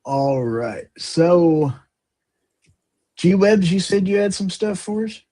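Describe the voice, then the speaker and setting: A man's voice: high-pitched, animated, warm tone. A man hosting a live podcast panel, chatting casually while showing viewer clips. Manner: quick, chatty, sharing screen clips. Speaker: podcast host.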